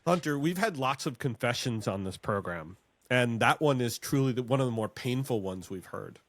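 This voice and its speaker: A man's voice: mid-range voice, lively intonation, a bit bright, no echo. Joking, chatty male podcast host. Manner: joking, chatty, quick asides. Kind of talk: casual chat.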